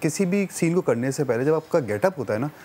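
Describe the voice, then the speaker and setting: A male actor, a guest on a talk show, explaining his preparation earnestly and haltingly. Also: a little high, lively intonation, a little mellow. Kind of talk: casual studio interview.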